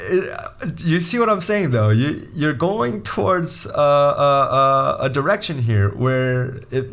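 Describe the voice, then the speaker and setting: Speaking in a mid-range voice, this young man from Brazil coaches MBA applicants in a relaxed video lesson. His delivery is lively and playful, and he keeps restarting sentences partway through.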